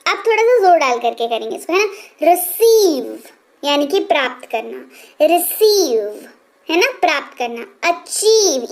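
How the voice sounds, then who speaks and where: A woman teaching English pronunciation as a lesson, often asking the viewer rhetorical questions and repeating each word slowly before giving its meaning. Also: high voice. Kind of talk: explanatory spoken lesson.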